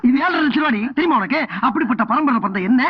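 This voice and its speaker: Vain village headman, high comic voice, bickering, repetitive, dull film audio. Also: lively intonation, rapid-fire, background noise. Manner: quarrelsome, repeats himself.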